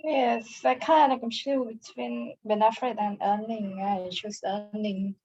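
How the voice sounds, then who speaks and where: A woman's voice: fairly high pitch, fairly even intonation, dark tone, lo-fi sound. A woman student, reading vocabulary words carefully one by one. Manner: careful, slow word-by-word reading.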